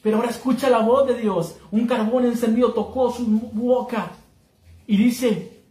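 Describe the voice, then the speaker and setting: A man preaching a sermon, acting out biblical voices and building to shouted climaxes. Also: extremely high pitch, fairly even intonation, moderate pace. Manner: acts out biblical voices in his telling. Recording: echoey room.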